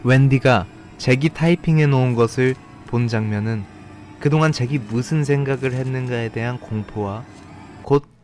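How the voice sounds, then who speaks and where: A man's voice: medium pitch, normal speed, a little mellow. Man narrating over faint music. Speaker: narrator of a film ranking video. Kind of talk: scripted narration.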